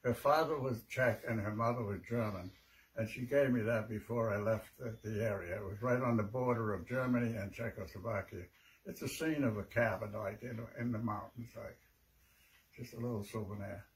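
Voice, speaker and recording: An elderly American man, an old veteran remembering his service in a plain, halting way. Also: on the low side, rough recording. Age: 80s or older. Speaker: World War II veteran. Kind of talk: personal reminiscence.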